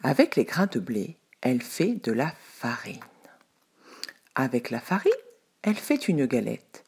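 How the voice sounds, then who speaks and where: A woman telling a children's story, lively and expressive. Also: very deep voice, measured pace, slightly rough.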